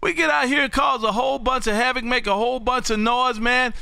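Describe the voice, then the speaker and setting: A man's voice: very high-pitched, steady tone, fairly quick, creaky, sharp tone, clear, resonant tone, no room sound. A man from Texas hosting a livestream as an amateur radio operator, chatting in a folksy, exclamatory way and repeating his phrases. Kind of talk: animated on-air ham radio chat.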